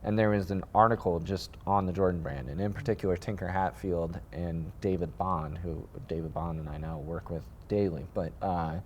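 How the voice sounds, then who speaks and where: A man from the American Midwest with a fairly low voice tells his story in a relaxed interview. He rambles and gets animated, circling back with fillers and restarts as he talks. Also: moderate pace, few pauses, a little hiss or hum. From Midwest United States. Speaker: guest, sneaker designer.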